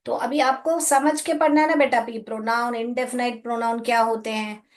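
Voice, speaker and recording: A woman's voice: a little high, fairly even intonation, moderate pace. Woman teaching an online class. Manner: explains in Hindi mixed with English, calls students "beta". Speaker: English teacher.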